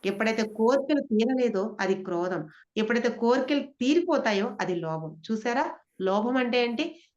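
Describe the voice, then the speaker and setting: A woman's voice: fairly high pitch, animated, moderate pace, darkish tone. Middle-aged woman giving a spiritual talk. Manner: asks the audience rhetorical questions; mixes English words into her speech. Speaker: speaker sharing spiritual experiences. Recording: dull lo-fi recording.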